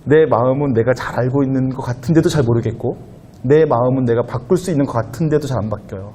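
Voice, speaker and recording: A man pastor giving a conversational sermon to a young adult congregation in a church, at times growing louder and higher as he presses a point. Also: quick pace, a little hiss or hum. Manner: conversational preaching, rising loud and high when animated. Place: church sanctuary.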